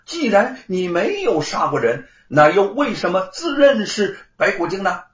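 A man voicing a clever young scholar in an audiobook story, arguing in a pointed, deliberate way. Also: sits high, huge pitch swings, voice pushed up, full character voice. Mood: pointed, triumphant. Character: clever young male scholar, quick-witted. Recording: roomy, slightly dull recording.

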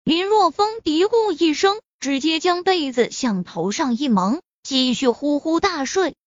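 Expressive woman narrating a novel, high voice. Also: measured pace, dry recording. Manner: expressive storytelling. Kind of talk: audiobook narration of a web novel. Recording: dry, slightly dull audio.

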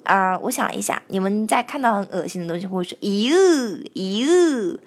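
A young woman with a medium-pitched voice teaches a song's pronunciation line by line, explaining each sound and then slowly singing short phrases to demonstrate.

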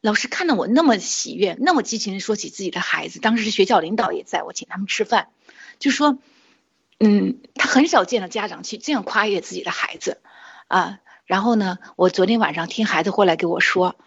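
A woman in her forties tells her own story in an earnest, unscripted way, pausing and restarting as she goes. Her voice is a bit husky, and the recording sounds muffled and lo-fi. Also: mid-range voice, expressive. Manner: earnest, with frequent hesitations and restarts. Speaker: parent sharing a testimonial. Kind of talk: personal testimony, casual monologue.

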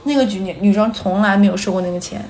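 A woman co-hosting a radio podcast in casual chat, telling stories lively, acting out quoted dialogue and laughing often. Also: mid-range voice, fast, faint music behind. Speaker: podcast co-host. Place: radio studio.

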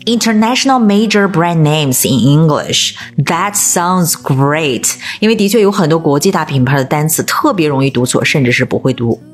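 Low-voiced woman co-hosting a pronunciation lesson. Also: normal speed, few pauses, soft background music. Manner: explains spelling and stress patiently, bright lively delivery. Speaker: co-host of an English pronunciation podcast. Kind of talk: bilingual teaching chat.

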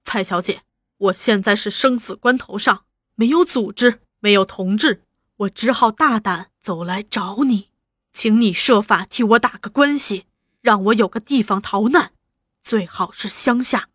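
A fawning, nervous man pleads in a lowered, hushed voice, almost whispering his request, as a woman narrator puts him on. The sound is dry and close. Audiobook storytelling of a spy tale. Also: unhurried, no echo. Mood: anxious pleading. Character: anxious, fawning middle-aged man pleading in secret.

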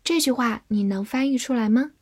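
Woman, vocabulary teacher, breathy voice, fairly high pitch, very slow careful delivery, scripted lesson. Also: a little mellow. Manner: reads example sentences slowly twice.

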